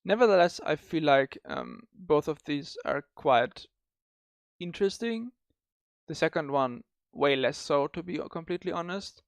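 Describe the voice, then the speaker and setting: A man's voice: fairly high pitch, lively intonation, unhurried, gravelly, no echo. A man hosting a casual gaming discussion, often breaking off and restarting his words. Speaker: podcast host.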